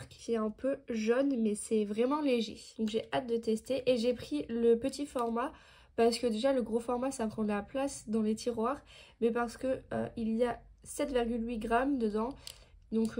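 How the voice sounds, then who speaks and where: A woman's voice: a little high, mellow. A nineteen-year-old woman chatting through a beauty haul video, explaining each product with lots of fillers. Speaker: beauty vlogger.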